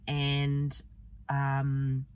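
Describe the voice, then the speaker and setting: A woman vlogger talking softly and gently in a reflective personal diary, her voice affected by a sore, swollen throat. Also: extremely low pitch, monotone, extremely slow, distant mic. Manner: soft, gentle, meandering, with many fillers.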